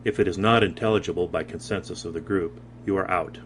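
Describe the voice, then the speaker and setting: A man with a very low voice lays out the rules of an old youth game step by step. There is a faint noise under his voice. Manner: measured, explanatory. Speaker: tribute speaker. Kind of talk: explaining a game in a tribute.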